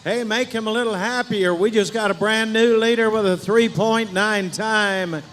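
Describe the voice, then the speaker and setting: A male rodeo announcer with a notably high voice. He mixes live event calls with banter, over an arena PA with light background noise. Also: normal speed, a bit bright.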